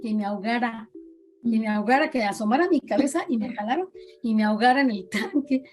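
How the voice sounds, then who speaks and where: A woman's voice: on the high side, lively intonation, fairly quick, darkish tone. A middle-aged woman with a Mexican accent, telling her own eerie experiences in a casual chat and acting out the voices she quotes. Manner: dramatic storyteller, acts out quoted voices. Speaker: podcast guest sharing experiences.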